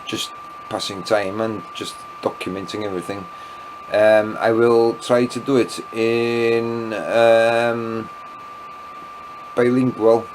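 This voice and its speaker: This is a native Welsh speaker with a Welsh accent, vlogging his evening diary a little tipsy from wine. He speaks slowly in a lowish voice with little pitch movement, wandering off track and adding self-deprecating remarks. Background noise is present.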